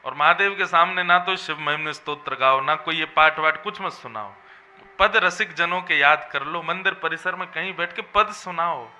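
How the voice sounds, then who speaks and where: A man's voice: high voice, bright, forceful tone, a little hiss or hum. A man giving a devotional sermon as a religious storyteller, preaching in an emphatic, melodic way. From Vrindavan region.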